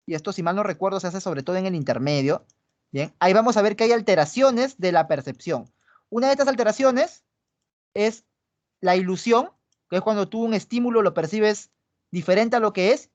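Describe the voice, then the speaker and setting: Peruvian lady teacher doing an online psych class, keeps asking students if they're following, kinda muffled audio. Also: medium pitch. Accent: Peruvian Spanish. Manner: explains step by step, constantly checking in with students. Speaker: pre-university psychology teacher.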